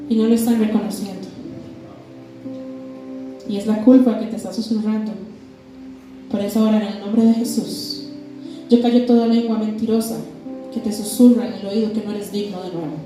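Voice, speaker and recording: A woman delivers a sermon in a warm, mellow, fairly high voice. She preaches with fervor and acts out the lines of biblical figures. The church hall rings with a heavy echo over soft music. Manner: impassioned, acts out dialogue between biblical figures.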